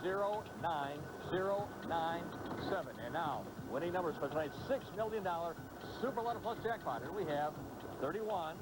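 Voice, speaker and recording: Man, lottery draw host, slightly high voice, deliberate number announcing, loud background noise. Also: animated.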